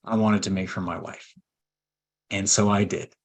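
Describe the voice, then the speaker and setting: A man in his forties, lower-voiced than most, tells a personal story in a webinar. He speaks earnestly and heartfelt, with fillers, pauses and restarts. His voice is emotional at times. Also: little pitch movement. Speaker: estate planning attorney.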